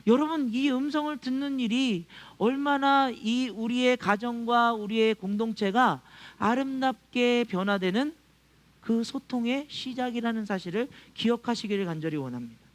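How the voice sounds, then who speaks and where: A man's voice: extremely high pitch, moderate pace. A male pastor preaching a sermon to his congregation, acting out quoted voices and chuckling often. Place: church.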